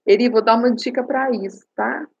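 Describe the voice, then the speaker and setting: A woman's voice: a little high, fairly quick, gravelly, a little mellow, slightly rough, muffled recording. A woman with a Brazilian Portuguese accent gives parenting advice on a live stream, talks straight to viewers and often asks "né?" or "sabe?". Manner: reads out viewer comments and answers them.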